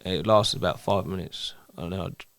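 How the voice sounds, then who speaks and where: A man's voice: sits low, normal speed, fairly bright tone, no room sound. A man, speaking hesitantly as a guest and talking candidly about his life, with many stops and restarts. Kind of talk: candid personal talk.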